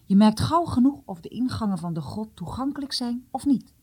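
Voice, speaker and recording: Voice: mid-range voice, lively intonation, brisk, darkish tone, slightly rough, pitched above the performer's own voice. A storyteller voicing a caring woman who urges the others to come back safely. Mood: insistent. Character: caring woman of the house, insistent.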